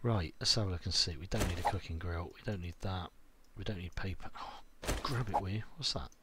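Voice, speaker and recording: Under heavy game noise, a man whose voice sits low talks a little fast to himself during a survival game. He's a gaming YouTuber doing let's-play commentary, grumbling and swearing mildly as he goes.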